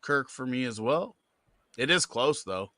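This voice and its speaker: A man's voice: mid-range voice, expressive, a little slow, sharp tone, no echo. A man co-hosting a live fantasy football Q&A, reading viewer questions in an easygoing way with fillers. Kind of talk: casual live Q&A chat.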